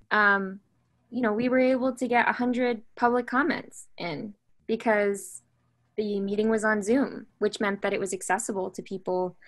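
A woman's voice: medium pitch, a bit bright, low-quality recording. Young woman on a video call, thoughtful.

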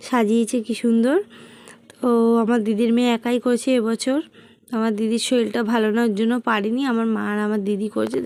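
A woman's voice: a little high, darkish tone. A middle-aged woman chatting casually to viewers as she narrates a family home vlog, rambling and addressing them directly. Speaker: vlogger.

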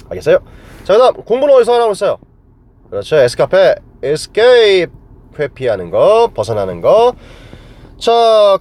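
A man's voice: sits high, darkish tone. A man teaching English grammar to a class, playful and joking, quizzing students with silly memory tricks.

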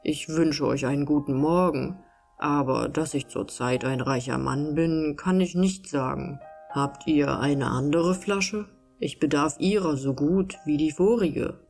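A poor, eager farmer man, as a woman reading a storybook puts him on, polite and plain-spoken. He talks in a low, even voice with hardly any change from the narrator's own. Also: measured pace, creaky, faint music behind. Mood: hopeful.

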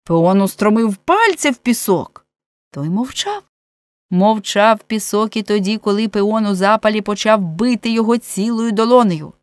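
Audiobook narrator, female, expressive storytelling, dead-dry close mic. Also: medium pitch, moderate pace, dry recording.

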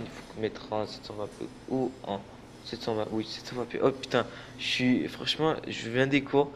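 Young male gamer, mid pitch, rambling and tired, stumbles and swears, noisy game sound behind. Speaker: gaming channel host. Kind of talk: casual gameplay commentary. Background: racing game car and engine sounds.

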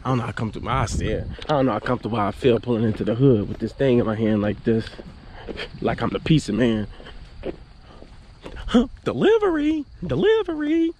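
A man's voice: on the low side, fairly even intonation, fast talker, darkish tone. Chatty young male vlogger in a car. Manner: chatty, nervous and joking. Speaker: YouTuber doing a giveaway. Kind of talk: casual vlog narration. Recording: noisy vlog audio with car noise.

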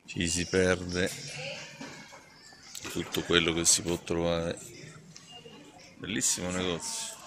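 A playful, enthusiastic man narrates a relaxed walking tour of a big indoor mall, speaking slowly in a lowish voice. He teases and jokes as he goes. Loud shopping-mall ambience fills the phone recording. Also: noisy background. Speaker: travel vlogger.

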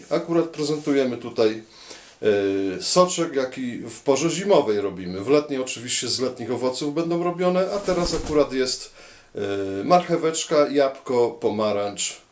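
A Polish man presents a casual homemade demonstration in a medium-pitched voice. He talks as a pet owner, pausing hesitantly and favouring affectionate, diminutive wording. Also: reverberant.

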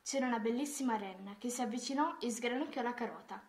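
Gentle woman reading a storybook. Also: on the high side, fast talker.

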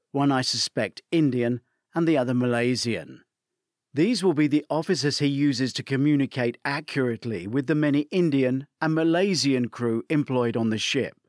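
A man narrating a first-person thriller audiobook in an expressive storytelling manner. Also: medium pitch, no room sound, studio quality.

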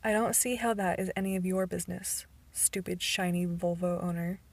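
Irritated teen girl, sarcastic, breathy, narrow pitch, read by a woman. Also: steady tone, moderate pace, no echo.

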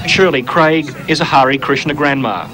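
A man's voice: fairly high pitch, normal speed, noisy background. Australian man reading wry news voice-over. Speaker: television reporter. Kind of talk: scripted news narration.

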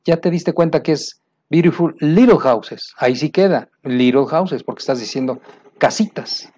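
A male teacher walks through grammar errors step by step, pausing often to check that the learner is following. His voice sits a little high for a man but sounds mellow and warm. The recording is dull and lo-fi. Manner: patient, checks understanding with frequent "¿sí?" and "mira". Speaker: English teacher. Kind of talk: explaining English grammar errors to Spanish speakers.

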